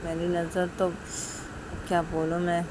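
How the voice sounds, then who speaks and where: Brief: woman playing a stubborn flirt who murmurs low and won't back down. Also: monotone, unhurried, background noise, lightly acted. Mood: flirty.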